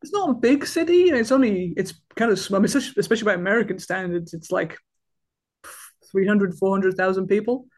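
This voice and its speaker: A man's voice: high voice, fast talker. A man in his thirties, chatting casually as a guest and rambling with fillers and restarts. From Wales. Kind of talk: casual conversation.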